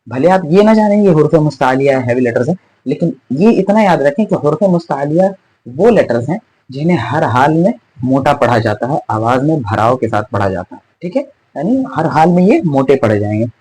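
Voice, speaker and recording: Husky-voiced man teaching a lesson. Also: a little high, sing-song, fairly quick, darkish tone, low-quality recording. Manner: patient, repeats and drills letter sounds, asks and answers own questions. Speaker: Tajweed teacher. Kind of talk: online lesson, explaining and demonstrating letters.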